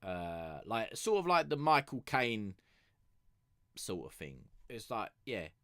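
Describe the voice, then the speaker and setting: A man's voice: lowish voice, big pitch swings, takes it slowly, fairly bright tone, dry recording, clean studio sound. A man streaming music reviews, chatting casually and rambling with lots of fillers, restarts and the odd swear word. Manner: consciously keeps his voice raised above its natural depth. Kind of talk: casual chat.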